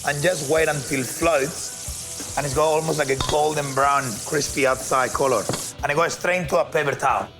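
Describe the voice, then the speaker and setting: A man shows how a recipe is made, step by step. He sounds upbeat and animated. Music plays clearly behind him. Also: fairly high pitch, normal speed. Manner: upbeat, animated, talks through each step. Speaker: TV chef. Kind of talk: cooking demonstration.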